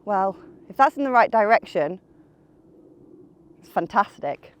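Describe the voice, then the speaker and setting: A woman's voice: medium pitch, lively intonation, measured pace. A young woman narrating her own golf round outdoors, chatty and self-mocking, talking herself through each shot. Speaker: golf vlogger. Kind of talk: casual running commentary while playing golf.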